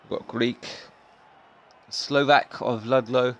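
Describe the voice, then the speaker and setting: A young man commentating a sim racing league, excitable and chatty with casual slang. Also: mid-range voice, slow pace. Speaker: race commentator.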